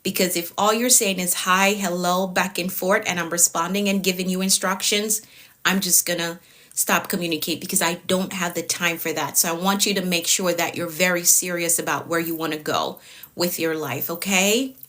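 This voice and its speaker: Woman, late 30s, productivity coach doing a live stream, bright tone, firm and repetitive delivery. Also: lowish voice, fairly even intonation, moderate pace. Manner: repetitive, firm, tags lines with okay.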